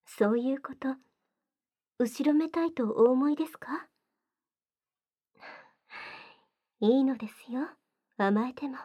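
A woman voicing a gentle, devoted young maid in an ASMR roleplay, speaking softly and very formally, often in a whisper. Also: sits high, moderate pace, slightly rough. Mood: coaxing. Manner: soft-spoken, very formal polite speech, often whispered.

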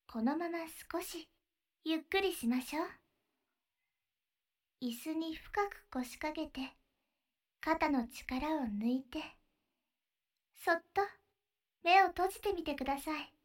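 A woman voicing a sweet, attentive young maid in an ASMR roleplay, speaking with polite honorifics and gently guiding her master. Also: sits high, takes it slowly, long pauses. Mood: soft, soothing. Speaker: maid café maid.

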